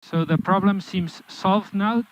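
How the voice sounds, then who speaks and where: A man working as a race engineer, giving measured, clipped instructions over team radio and repeating key orders. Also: high voice, no room sound. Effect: team radio transmission. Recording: dull, dry, lo-fi team radio.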